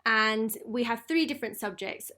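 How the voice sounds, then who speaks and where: A woman with a fairly high voice chats casually as a podcast host. She speaks informally and conversationally, and the recording is dry and close with little room sound. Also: moderate pace, pushed and bright, no room sound. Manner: chatty, informal. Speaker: podcast co-host and quiz master. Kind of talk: casual chatty podcast talk.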